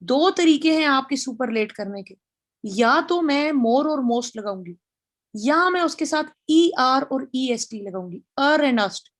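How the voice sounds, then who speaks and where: High-voiced woman teaching grammar slowly. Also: animated. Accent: Pakistani. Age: middle-aged. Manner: explains slowly, spelling out example sentences in English. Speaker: English grammar lecturer. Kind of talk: classroom grammar lecture.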